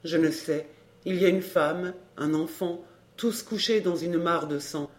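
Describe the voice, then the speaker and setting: A man's voice: on the high side, steady tone, unhurried, close to an everyday voice. A man reading an earnest young lover. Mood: urgent. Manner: earnest, urgent. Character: devoted young man in love.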